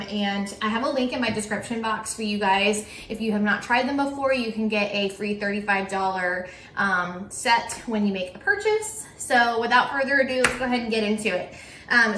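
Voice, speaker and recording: A woman's voice: on the high side, a bit bright, echoey room, far from the mic, a little hiss or hum. A young woman talking casually to camera at her kitchen table about her cleaning products, chatty and full of "um" and "like". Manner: chatty, with frequent "um" and "like". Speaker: cleaning vlogger and teacher. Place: kitchen table at home, indoors.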